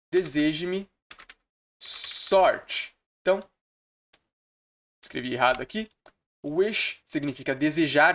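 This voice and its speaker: A man from Brazil teaching English phrases in a screen-recorded lesson, repeating each example slowly and deliberately. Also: on the high side.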